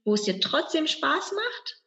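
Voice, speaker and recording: A woman's voice: sits high, big pitch swings, a little slow, pushed and bright. A German woman, an actress, reflecting in an interview, thinking aloud in a rambling way with many restarts. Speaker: actress and guest. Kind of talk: conversational interview.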